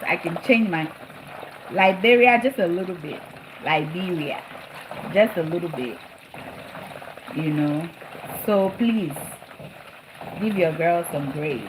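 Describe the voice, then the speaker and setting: Cooking in her home kitchen, a live-stream host chats casually with her viewers; she's a middle-aged woman with a slight New Jersey accent who tends to repeat phrases for emphasis. Her voice sits in the mid range with a fairly bright tone. The low-quality recording picks up frying and boiling food, sizzling and bubbling in the background.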